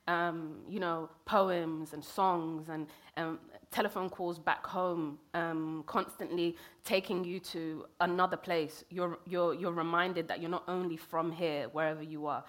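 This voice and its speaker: A woman's voice: fairly low pitch, steady tone, a little slow, hardly any pauses. A woman, a poet talking reflectively in an interview. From England. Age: 30s. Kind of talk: conversational interview.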